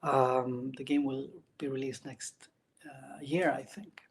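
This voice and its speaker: A man chatting casually and unscripted as a vlogger about his hobbies, speaking in a hesitant, halting way with broken phrases. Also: mid-range voice, level tone, a little hiss or hum. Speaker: book and gaming vlogger. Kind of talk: casual unscripted video chat about reading and games.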